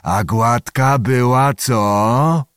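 A man voicing a drunken, quarrelsome nobleman who mocks and shouts in a storybook reading. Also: medium pitch, extremely slow, clean tone, dry recording, studio quality. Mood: drunken mocking. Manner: loud, mocking, belligerent.

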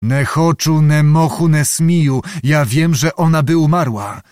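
A man's voice: a little high, unhurried, a little mellow, dry recording, studio quality, natural voice. Man reading as a brooding Cossack chieftain. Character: brooding young male Cossack chieftain, proud and restless. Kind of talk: audiobook reading.

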